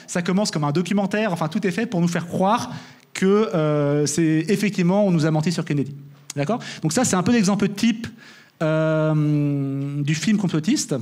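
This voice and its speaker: High-voiced young man giving a talk. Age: young adult. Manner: lively, frequent "d'accord?" checks. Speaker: conference speaker. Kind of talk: conference talk.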